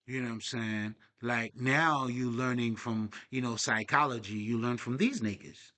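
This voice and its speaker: A man's voice: medium pitch, normal speed, pushed and bright. A young man talking in a casual, profane, rambling monologue as a spiritual vlogger. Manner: profane, streetwise, digressive.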